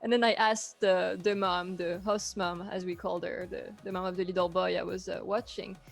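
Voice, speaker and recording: A woman in her thirties with a French accent, a guest talking casually in an interview, often trailing off quietly. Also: lowish voice, level tone, normal speed, creaky, faint music behind. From France.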